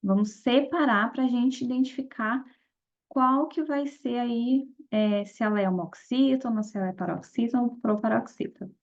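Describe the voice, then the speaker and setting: Woman teacher with a gravelly voice. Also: fairly high pitch, moderate pace. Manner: explanatory, checks in with listeners often. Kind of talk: exam-prep lesson. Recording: dull lo-fi audio.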